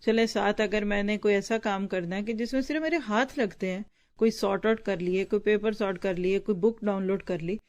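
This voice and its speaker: A female Islamic teacher with a medium-pitched, slightly mellow voice reads aloud from a book to her students and explains it. She stops to quickly ask and answer what words mean, speaking conversationally and directly to her listeners.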